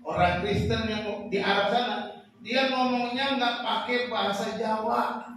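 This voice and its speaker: Animated pastor in echoey hall. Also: male voice, high-pitched, a little slow. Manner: animated, shouting peaks, acts out quotes. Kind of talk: sermon. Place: large church hall. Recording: echoey hall from far off, faint noise.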